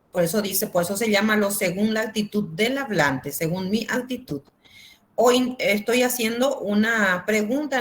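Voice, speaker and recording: A woman's voice: mid-range voice, fairly bright tone. A woman teaching a grammar class over a video call, explaining patiently with simple examples and frequent fillers. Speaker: Spanish teacher.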